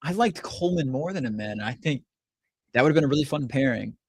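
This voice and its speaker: A man's voice: mid-range voice, lively intonation, a little mellow, husky, dry recording. Chatty young man, dry close mic. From DC area, USA. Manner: chatty, quick banter, reads out viewer comments. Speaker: co-host. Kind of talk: casual live draft reaction chat.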